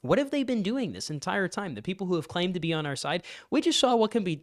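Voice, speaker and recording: A man giving a political opinion monologue, emphatic and sarcastic, mocking opponents in high put-on voices. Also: big pitch swings, fast talker, no echo, studio quality. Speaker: political commentator.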